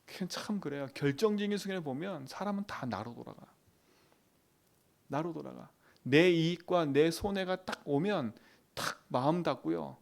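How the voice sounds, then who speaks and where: A man preaching a dawn prayer sermon as pastor, asking the congregation questions, swinging from loud emphatic lines to quiet asides. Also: a little high, animated, moderate pace, gravelly.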